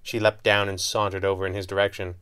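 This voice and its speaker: A man giving steady scripted narration of an adventure story. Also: deep voice, fast talker, smooth.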